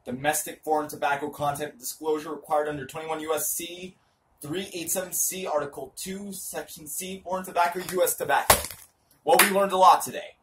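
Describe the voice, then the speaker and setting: A man's voice: on the high side, fairly even intonation, brisk. A young man giving a mock dramatic reading in a theatrical, hammy stage-actor manner, mock-serious, recorded outdoors on a porch. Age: young adult. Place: covered porch outdoors at night. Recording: distant, noisy porch camera audio.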